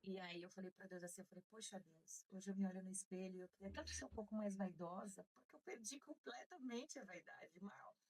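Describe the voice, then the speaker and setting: A woman giving an informal devotional talk, telling personal stories in an intimate, chatty way and dropping to soft, hushed tones at tender moments. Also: medium pitch, brisk, few pauses, rough recording. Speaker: devotional speaker.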